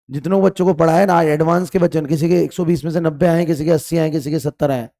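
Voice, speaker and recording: A man's voice: on the high side, dark tone. A man teaching chemistry in an online exam-prep class, asking questions, repeating them and scolding students for lazy answers.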